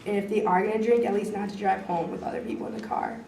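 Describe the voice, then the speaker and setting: A woman's voice: medium pitch, fairly even intonation, fast, dark tone. A teenage girl, a student, speaking in a plain, earnest way. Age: teens. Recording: roomy echo, distant mic, background noise.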